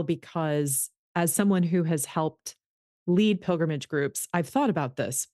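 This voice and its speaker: A woman's voice: lowish voice, darkish tone, no echo, studio quality. A woman from the United States hosting an interview, asking earnest, curious questions in a conversational way. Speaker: podcast host.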